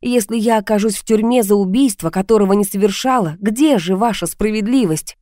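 A woman's voice: mid-range voice, fairly quick, warm tone, no echo, voice pushed up, close to an everyday voice. A frightened young woman pleads and argues in a strained, tense voice, as a woman reads her lines in an audiobook. The recording is close and dry, with no room sound. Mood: pleading. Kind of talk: audiobook reading.

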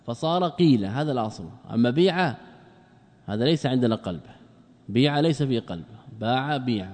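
In a classical Arabic grammar lesson, a man poses rhetorical questions and answers them himself, repeating and stretching out the example words. His voice is mid-range with a darkish tone and trails a long reverb.

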